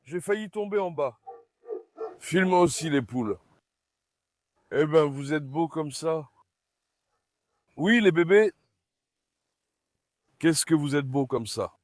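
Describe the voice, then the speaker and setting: A man with a somewhat high voice chats casually through a farm vlog. He speaks to his animals in a fond, coaxing way. The sound is dry and close. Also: lively intonation, takes it slowly, long pauses, no room sound. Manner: chatty, coaxing and fond when talking to animals. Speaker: farm vlogger.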